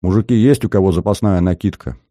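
Steady young lieutenant, dry and commanding, deep, close dry sound, a man doing it. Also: quick pace, dry recording, close to an everyday voice. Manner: level, commanding, wry.

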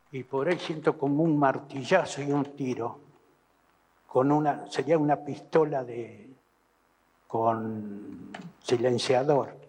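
Argentine man, husky, mid pitch, halting witness testimony, captured in a reverberant hall. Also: darkish tone. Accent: Argentine Spanish. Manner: halting, repeats and restarts, vivid retelling. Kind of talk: recounting testimony. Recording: archive recording in an echoey hall.

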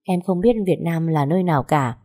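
A woman's voice: low-pitched, brisk, warm tone. A woman voicing a kind, eager young local helper in an audiobook story, close to her own voice. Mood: friendly eager. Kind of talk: audiobook dialogue.

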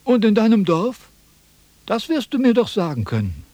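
An actor playing a vain, pompous philosopher in a 1970s radio drama, lecturing and easily indignant. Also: male voice, sits high, huge pitch swings, normal speed, mellow, dry recording. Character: vain, pompous old male Chinese philosopher.

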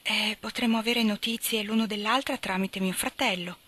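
A woman's voice: medium pitch, steady tone, moderate pace, pushed and bright. A woman reading aloud as a composed but torn young woman, firm and earnest. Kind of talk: audiobook reading.

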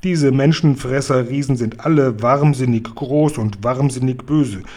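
A man's voice: medium pitch, measured pace, darkish tone, close to an everyday voice. A man doing Guri, a kind word-mangling giant. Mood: earnest. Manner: mangles words, folksy and good-natured. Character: kind big friendly male giant. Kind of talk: bedtime story reading.

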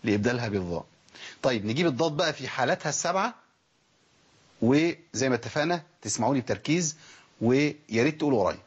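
A man's voice: medium pitch, expressive, quick pace, slightly rough. A man with an Egyptian accent teaching Quran recitation, asking rhetorical questions and sounding out letters. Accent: Egyptian Arabic. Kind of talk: spoken recitation lesson. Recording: dull lo-fi recording.

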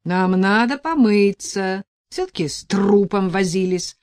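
A woman voicing a rude, bossy male thug who talks slowly and loudly in gruff threats. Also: medium pitch, animated, no echo, studio quality, natural voice. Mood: gruff, mocking.

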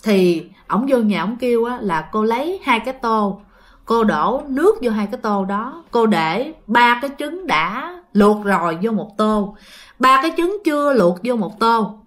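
A woman's voice: on the high side, animated, measured pace, fairly bright tone. A woman with a Southern Vietnamese accent, telling a ghost story in a casual, chatty way and speaking directly to her listeners.

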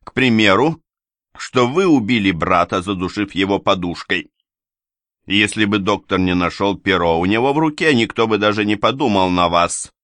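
A man's voice: fairly low pitch, normal speed, fairly bright tone, dry recording, lightly acted. A man voicing a stern, controlled provincial police investigator who presses hard with questions. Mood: accusing.

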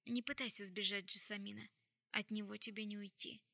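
A woman's voice: medium pitch, flat delivery, fairly quick, vocal fry, pushed and bright, no echo, studio quality. A woman reading an audiobook, voicing a stern, composed woman who speaks in a cold, level way.

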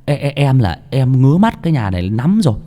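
A man's voice: medium pitch, sing-song, brisk, dark tone, pitched above the performer's own voice, lightly acted. A man voicing a blunt, chatty young sidekick in a ghost story. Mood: grumbling.

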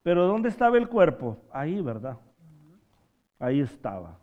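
The preacher's voice is on the high side and darkish, swinging hugely in pitch at a normal speed, and the recording has its highs cut off. Throughout the sermon he poses rhetorical questions to the congregation with frequent "¿verdad?" tags, plus humorous asides.

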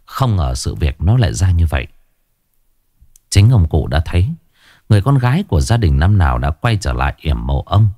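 A man narrating a horror story in a lively, expressive reading. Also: sits low, moderate pace, no room sound, clean studio sound.

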